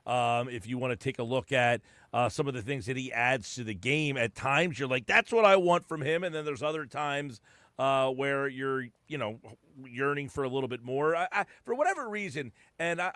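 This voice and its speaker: A man's voice: medium pitch, a bit bright, no room sound. A man co-hosting a sports podcast, giving opinions casually with many fillers. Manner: opinionated, many fillers like "I mean" and "you know". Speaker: podcast co-host.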